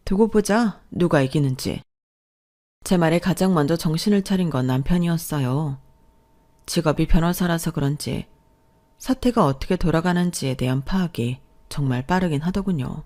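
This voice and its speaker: A woman narrating a scripted story in a measured way, with sharp retorts as the wife. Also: low-pitched.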